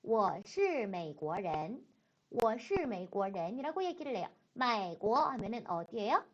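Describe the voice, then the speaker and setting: A woman with a fairly high voice teaches a high school Chinese lesson, her pitch swinging widely as she stresses key points. She slows right down to model phrases. The recording is dull and lo-fi. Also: slight background noise. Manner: slow, careful model pronunciation of Chinese phrases; lively, rising emphasis on key points. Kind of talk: online class lecture.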